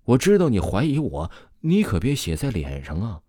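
A man's voice: lowish voice, normal speed, dry recording, studio quality. Man doing a wry young male student. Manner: wry, deadpan and unbothered. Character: calm, dry-humored young male student.

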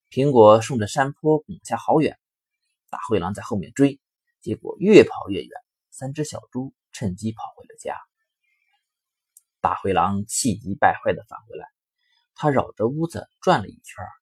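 A man narrating a children's story in a lively, expressive reading. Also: medium pitch, moderate pace, long pauses, husky, no echo. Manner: lively, expressive reading with sharp rises in volume.

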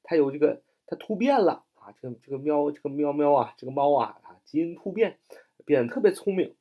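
A man teaches English vocabulary, spelling words out letter by letter and using memory tricks to explain them. He's chatty and animated with frequent "啊" fillers, speaking a little fast in a fairly high voice.

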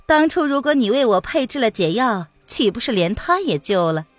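A woman's voice: a little high, very animated, normal speed, no room sound, soft background music, pitched above the performer's own voice. A woman voicing a scheming villainess who poisons people, speaking in a sly, taunting way in a storytelling reading. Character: cold scheming poisoner lady, mocking. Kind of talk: audiobook character voice.

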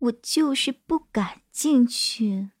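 A woman storyteller voicing a timid, frightened young woman who speaks softly and hesitantly, pleading. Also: high voice, animated, normal speed, no echo, studio quality.

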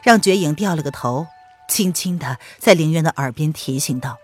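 Husky woman narrating an audiobook. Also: low-pitched, normal speed, faint music behind. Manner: expressive storytelling read.

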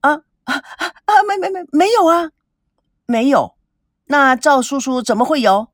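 Woman playing a guilty jealous woman, high whiny voice, stutters a lot, dry sound. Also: very animated, unhurried, no echo. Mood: whiny, evasive. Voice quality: stammering, whining, pleading. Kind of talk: audiobook character reading.

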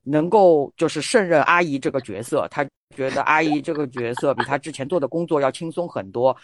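A woman's voice: low-pitched, fairly quick, no echo. Woman hosting a chatty show, dry sound. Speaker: podcast host. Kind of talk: casual talk show hosting.

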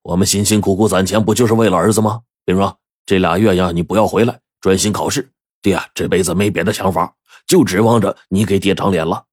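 A stubborn, ailing countryside father, as a male storyteller puts him on, gruff and scolding, with a husky voice a little raised above the teller's own. It sounds dry and close. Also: sits low, fairly even intonation, fast talker, no echo. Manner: gruff, scolding, falsely cheerful.

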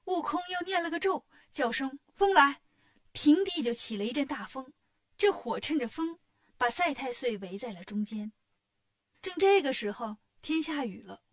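A woman narrating a children's story in a lively, sing-song, expressive way. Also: high voice, moderate pace.

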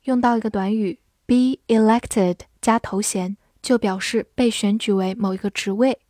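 A woman English teacher who spells words letter by letter and reads example sentences slowly and clearly. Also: mid-range voice, steady tone, mellow, dry recording, studio quality. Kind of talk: vocabulary lesson, spelling and slow reading.

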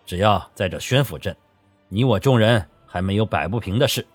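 Brief: man reading a calm, confident storybook merchant, low and husky. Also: normal speed, no room sound, faint music behind. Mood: reassuring. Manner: calm, self-assured. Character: confident powerful male merchant reassuring a friend.

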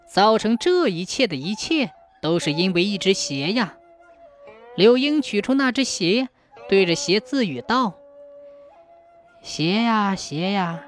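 A woman telling a dramatic folk tale as a storyteller, in an expressive way. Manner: expressive, sweeping pitch.

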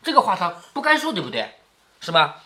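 A father reads a classic novel aloud to his daughter and breaks off to explain it. His voice is bright and carries a clear edge, and it swings widely in pitch. He keeps asking short checking questions and gives the quoted lines a raised, acted lilt. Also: huge pitch swings, brisk. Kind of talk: reading aloud and explaining the text.

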